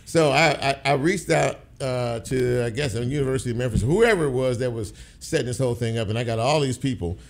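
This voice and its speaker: A man's voice: mid-range voice, brisk, few pauses. Middle-aged guy hosting a radio talk show, rambling, repeats himself, in the studio.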